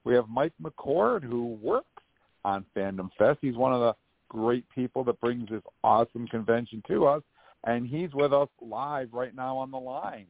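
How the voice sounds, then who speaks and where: A man's voice: mid-range voice, moderate pace, creaky, no echo, phone-quality sound. American man, podcast host, folksy presenter, dry thin phone-band audio. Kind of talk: live call-in fan talk show.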